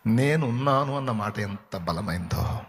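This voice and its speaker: A man's voice: fairly high pitch, moderate pace, fairly bright tone, long reverb tail, slight background noise. A man preaching a sermon as pastor, fervent, repeating reassurances and breaking into sung hymn lines. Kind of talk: Telugu sermon.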